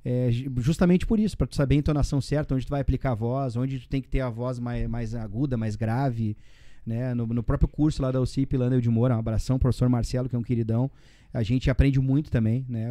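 A man in his forties with a Rio Grande do Sul accent, speaking quickly and tumbling from one story to the next. His voice is dark and mellow, heard dry and close. He keeps dropping tag questions and casual slang as he talks. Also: mid-range voice, dry recording. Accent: Rio Grande do Sul Portuguese. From southern Brazil. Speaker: guest.

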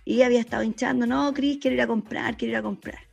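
A Chilean woman telling a story in casual chat, animated and slangy, laughing often. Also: fairly high pitch, fast talker, creaky, breathy edge, faint music behind.

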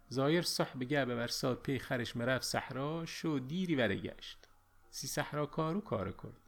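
Male audiobook narrator, middle pitch, steady reflective reading of a first-person tale, faint music underneath.

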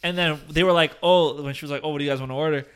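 A young man with a slightly high voice hosts a casual podcast chat. He tells a long story in animated, rambling bursts, with plenty of swearing, fillers and false starts. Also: rapid-fire, smooth. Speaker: podcast host.

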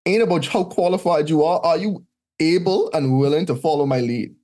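A man's voice: on the high side, fairly quick, warm tone. A man with a Caribbean accent in a casual Bible study, speaking in an emphatic, slangy, colloquial way. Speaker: podcast host. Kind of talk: casual Bible study chat with scripture read aloud.

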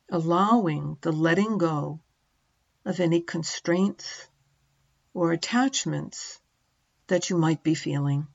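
A middle-aged woman teacher guides a meditation in a lowish voice, speaking gently in short, measured phrases separated by long pauses. The recording sounds muffled.

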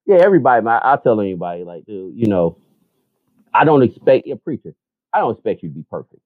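A man telling stories in a casual chat, animated and profane, laughing often. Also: on the low side, quick pace, no echo. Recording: dry tinny phone-like line.

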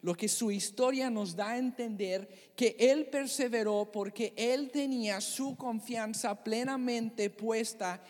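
A pastor preaching a sermon in a church, expressive and dramatic, asking the congregation questions. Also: medium pitch, slow pace, few pauses. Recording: long church hall reverb.

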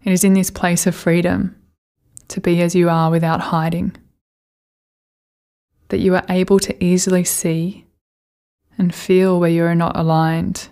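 Guiding a meditation, a woman gives calm, gentle instructions with slow pauses between her phrases. Her voice is fairly low and noticeably creaky, its intonation flat and even.

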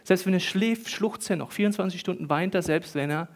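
A middle-aged male pastor preaching a sermon, swinging between hushed, intimate tones and loud, excited bursts. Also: high-pitched, brisk.

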